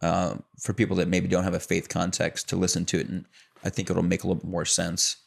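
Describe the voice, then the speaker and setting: A young adult man from the Chicago area, an actor and producer telling his story as a podcast guest in relaxed, rambling chat full of fillers. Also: deep voice, quick pace, vocal fry, husky. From Chicago area, United States. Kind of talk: casual conversational storytelling.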